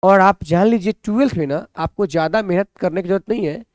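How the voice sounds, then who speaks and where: A man's voice: high-pitched, fast, no room sound, studio quality. A man teaching a maths lesson, who keeps asking the students questions and answering them himself.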